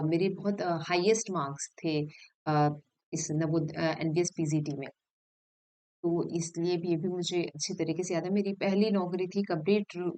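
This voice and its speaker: A woman in her thirties, an assistant professor, talking straight to her viewers in an advice vlog, earnestly and directly, often pausing to rethink a phrase. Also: on the low side, a little mellow, smooth, rough recording. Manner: thinks aloud with frequent hesitations and self-corrections.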